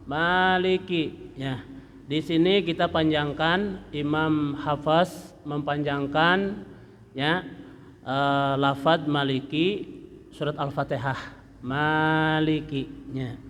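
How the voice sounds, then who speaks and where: Slow-speaking male religious teacher, echoing hall. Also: fairly high pitch, fairly even intonation, fairly bright tone, slight background noise. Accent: Sundanese Indonesian. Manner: slow, drawn-out demonstrations of recitation, chanting phrases. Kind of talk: mosque study lesson on Quran recitation. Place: mosque hall. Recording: long echo of a mosque hall.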